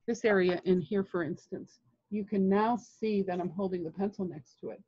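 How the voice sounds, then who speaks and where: A colored pencil artist in her sixties gives an informal tutorial from her home studio, a room hung with framed art. She talks slowly in short, halting phrases separated by long pauses, her voice fairly low and mellow. The recording is dry and slightly dull, with no room sound, like a lo-fi webcam.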